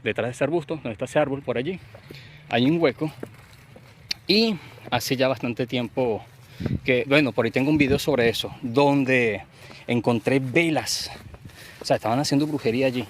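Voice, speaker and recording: A man's voice: medium pitch, normal speed, pauses often. Rambling Venezuelan man on a street walk. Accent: Venezuelan, llanero. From Portuguesa state, Venezuela. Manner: rambling, restarts, talks to viewers while walking. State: sweating in heat. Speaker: vlogger. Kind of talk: walking vlog, casual chat. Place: outdoors on overgrown urban lots and streets. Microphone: phone mic, handheld. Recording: noisy outdoor phone recording.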